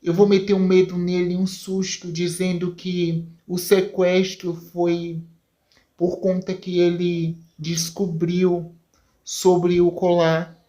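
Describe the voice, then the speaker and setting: Scheming villain mother, hushed, low, deliberate, woman doing the voice. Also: completely flat delivery.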